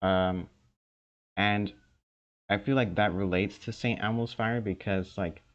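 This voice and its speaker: Slow, hesitant young man, lo-fi sound. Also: on the low side, fairly even intonation. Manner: slow, hesitant, many ums and restarts. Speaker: podcast co-host. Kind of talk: casual chat. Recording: dull lo-fi sound.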